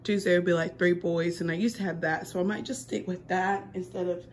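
A woman's voice: on the low side, fairly even intonation, fairly quick, a little hiss or hum. A young adult woman, a kindergarten teacher, chatting casually to her camera in a rambling way with lots of ums and restarts. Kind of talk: casual vlog chat.

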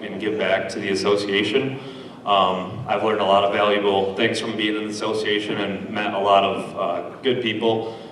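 Male contestant, 30s, Midwest, hesitant spoken answers, very reverberant and off-mic. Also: lowish voice. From Michigan, United States. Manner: hesitant, halting. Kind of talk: interview answers on stage. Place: indoor stage. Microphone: handheld mic through PA, recorded by far camera. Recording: echoey stage hall, distant camera.

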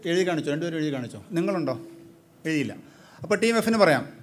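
A man hosting a live quiz as quizmaster, briskly prodding the teams and questioning their answers. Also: a little high, lively intonation, slight background noise.

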